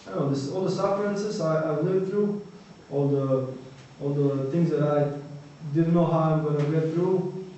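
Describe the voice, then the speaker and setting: A man's voice: on the high side, normal speed, hardly any pauses, dark tone, a little hiss or hum. A man speaking hesitantly about his past struggles, with many trailing restarts, before handing over to another speaker. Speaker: speaker introducing a guest. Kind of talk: personal testimony talk. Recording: echoey hall, distant mic, dull sound.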